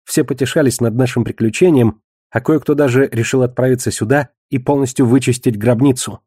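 A man's voice: mid-range voice, brisk, mellow, slightly rough, dry recording, studio quality, close to an everyday voice. A man reading an audiobook, voicing a shaken young man who tells his story plainly. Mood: earnest.

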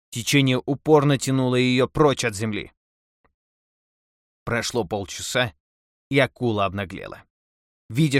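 A man narrating an adventure story in a measured, steady voice. His pitch sits in the middle range. The recording is dry and close. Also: no room sound. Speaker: audiobook narrator. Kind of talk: scripted narration.

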